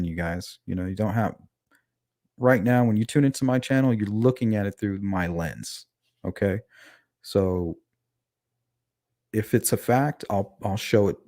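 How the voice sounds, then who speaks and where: Low-voiced man with a slight lisp. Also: mellow, no echo, studio quality. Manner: conversational, questioning the audience. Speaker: livestream host. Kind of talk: casual true-crime livestream commentary, reading chat aloud.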